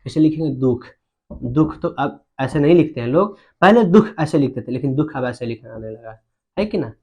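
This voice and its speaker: A man's voice: medium pitch, lively intonation, mellow, slightly rough. A young man teaching a Hindi grammar lesson, explaining patiently and often checking whether the students follow. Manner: explains slowly, checks understanding with repeated questions.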